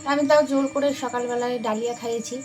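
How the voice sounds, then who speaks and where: A woman's voice: on the high side, fairly even intonation, quick pace, music in the background, rough recording. A woman, chatting homely and straight to her viewers while filming around her home on a handheld phone. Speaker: vlogger and homemaker. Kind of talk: casual vlog narration to viewers. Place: home, indoors.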